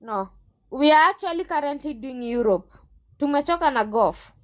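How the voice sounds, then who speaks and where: A woman's voice: high voice, lively intonation, moderate pace. A Kenyan woman who runs a recruitment agency, answering interview questions and arguing her case firmly. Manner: assertive, argues her case. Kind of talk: interview guest.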